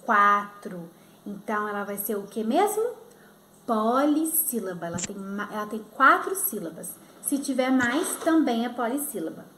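Brief: female primary teacher, Minas Gerais accent, patient and slow for kids, roomy phone recording. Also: on the high side, sing-song, fairly bright tone, a little hiss or hum. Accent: Brazilian, Minas Gerais. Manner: slow, sounding out words for kids. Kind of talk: recorded video lesson for children.

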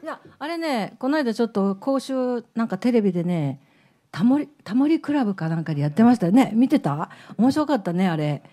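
A woman's voice: fairly high pitch, sing-song, brisk, mellow. A woman singer hosting her band's live stream from a small music club, chatting casually between songs, laughing often and teasing her bandmate. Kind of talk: casual onstage banter.

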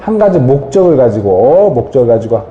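A man's voice: mid-range voice, a little fast, echoey room, phone-quality sound, slight background noise. A man teaching English vocabulary in a lecture, often asking questions and answering them himself. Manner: lively, asks and answers his own questions.

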